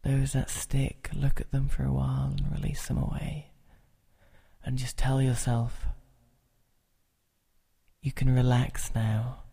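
A man leading a guided relaxation, speaking calmly and soothingly and at times dropping into soft whispers. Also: mid-range voice, takes it slowly, creaky, pauses often, husky.

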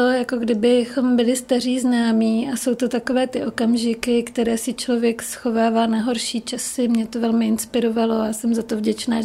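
A woman answering an interview in a slow, reflective way. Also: fairly high pitch, gravelly, mellow.

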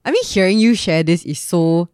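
A woman's voice: fairly low pitch, animated, normal speed, darkish tone, smooth, dry recording, studio quality. A Singaporean woman interviewing in casual Singlish, with particles like ah, eh and mah. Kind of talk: casual chat.

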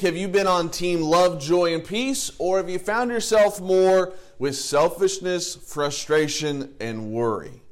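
Higher-voiced man preaching a sermon. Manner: conversational preaching, joking asides, lists with rising emphasis. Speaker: pastor.

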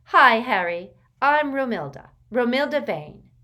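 A woman voicing a bold, confident teenage schoolgirl who talks loudly. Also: mid-range voice, lively intonation, slow, pitched above the performer's own voice, heavily acted. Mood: brash. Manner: loud, confident.

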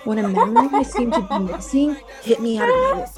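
A woman's voice: fairly high pitch, huge pitch swings, fast, over loud music. Woman doing a smug frat-boy guy. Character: cocky young American frat-boy wizard student, male.

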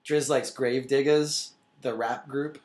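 A man's voice: mid-range voice, steady tone, unhurried, darkish tone. A man co-hosting a casual comedy podcast, rambling through a dating story with jokes. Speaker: podcast co-host.

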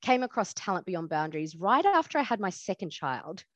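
Woman, 30s, lawyer guest on a podcast; lowish voice, thoughtful and chatty, dry close mic. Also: big pitch swings, normal speed, a bit bright, no echo, dull audio. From Australia. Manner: reflective, lots of fillers, laughs easily. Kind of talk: podcast interview.

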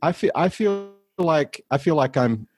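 A man's voice: fairly high pitch, expressive, a little slow, darkish tone, breathy edge, no echo. A man hosting a casual podcast, rambling a little and restarting his sentences. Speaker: podcast host.

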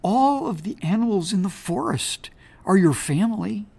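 A woman voicing a great, wise silver wolf who speaks gently, slowly and deliberately. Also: mid-range voice, lively intonation, vocal fry, breathy edge, pitched above the performer's own voice. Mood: gentle. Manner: gentle, slow and deliberate, hushed.

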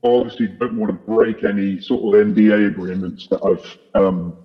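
Brief: anonymous male interview guest, disguised deep voice, breathy and muffled lo-fi, hesitant and halting. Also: fairly even intonation. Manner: hesitant, many fillers and restarts. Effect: voice electronically altered and deepened to hide his identity. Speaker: podcast guest, aerospace engineer. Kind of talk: casual interview chat. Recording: dull lo-fi processed audio.

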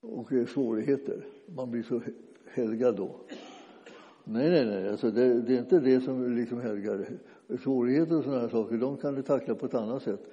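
A man preaching an informal sermon, speaking conversationally and haltingly with frequent restarts and fillers. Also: mid-range voice, warm tone. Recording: dull lo-fi sound with long reverb.

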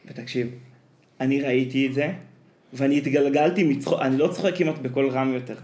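Chatty man telling stories in a roomy room. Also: medium pitch. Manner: animated storyteller, many fillers. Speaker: podcast host. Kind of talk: casual chat. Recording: roomy echo.

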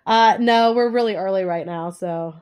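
A woman speaks as a guest in a relaxed interview format. Her nose is stuffed up with a cold, giving her words a congested sound. Her pitch is average and she explains things haltingly. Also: clean tone. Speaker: interview guest, author and coach. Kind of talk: conversational podcast interview.

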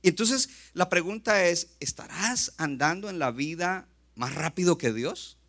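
Man, pastor, animated sermon, bright tone, slightly high voice. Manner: animated preaching, acts out quick asides.

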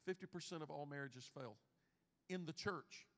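A man in his fifties, a pastor, gives a sermon at a moderate pace in a notably high voice with vocal fry. He drops nearly to a hush, then breaks into emphatic shouting, and the church hall adds a long ringing reverb tail.

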